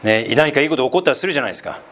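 A man's voice: medium pitch, sing-song, very fast, a bit bright. A man from northeastern Japan, a pastor, giving a chatty, conversational sermon full of asides and tag questions. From Sendai, northeastern Japan.

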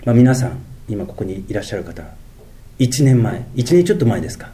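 A middle-aged man with a Tohoku accent preaching a sermon as pastor. He moves between drawn-out, lofty passages and quick, mumbled asides. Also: lowish voice, very animated, mellow. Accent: Tohoku Japanese.

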